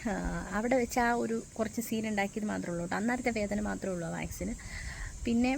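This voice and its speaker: A woman's voice: mid-range voice, quick pace, vocal fry, darkish tone, slight background noise, poor audio. A mother chatting casually in a family vlog, explaining her day as she goes. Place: outdoors and in a car.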